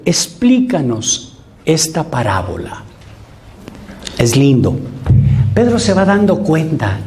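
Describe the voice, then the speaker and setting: A man preaching as a priest at a Lenten retreat, asking his listeners rhetorical questions and acting out the voices he quotes. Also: mid-range voice. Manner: animated, acts out quoted voices, asks the audience rhetorical questions.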